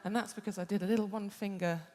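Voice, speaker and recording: A woman's voice: medium pitch, steady tone, fast talker, loud music behind the voice. A woman in her thirties, a musician talking casually and with hesitation during a live demo, her voice run through a heavy cave-like echo effect. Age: 30s. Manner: casual and hesitant, with many fillers and restarts. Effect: heavy cave-like echo added to her voice. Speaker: musician demonstrating gesture-controlled music gear. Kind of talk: live presentation talk. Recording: long reverb tail, from a little off the mic.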